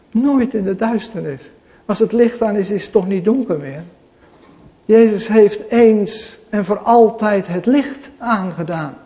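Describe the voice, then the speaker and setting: A pastor with a high-sitting voice preaches to his congregation, swinging between loud declarations and quiet asides while returning again and again to the same rhetorical question.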